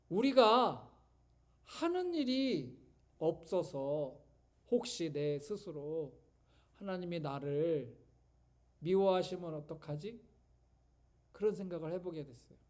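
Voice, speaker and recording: A man's voice: high-pitched, a little mellow. A male pastor giving a conversational sermon, telling stories and asking rhetorical questions.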